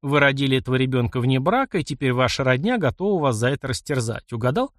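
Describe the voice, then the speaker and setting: A man's voice: medium pitch, lively intonation, fast, dry recording, clean studio sound, lightly acted. A man voicing a blunt, kind young engineer in an audiobook. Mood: gruff, caring. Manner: blunt, plain-spoken. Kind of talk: audiobook character voice.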